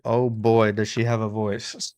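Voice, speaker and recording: A man's voice: on the low side, little pitch movement, slow, a little mellow. A man hosting a casual live stream as he repairs electronics, chatting and laughing often as he thanks and greets his viewers. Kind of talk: casual live-stream chat while soldering.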